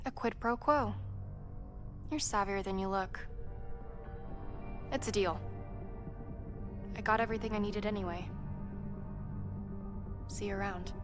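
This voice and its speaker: A woman's voice: mid-range voice, measured pace, long pauses, lightly acted. A woman playing a brash, easily panicked young student reporter in a video game, with a blunt, sardonic, sweary delivery. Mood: sly, smug. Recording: music behind the voice.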